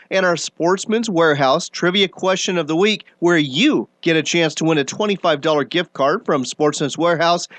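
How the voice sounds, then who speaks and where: A man hosting an outdoors radio show, reading a brisk scripted rundown of the week's stories. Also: sits high, a bit bright, dry recording. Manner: brisk announcer delivery.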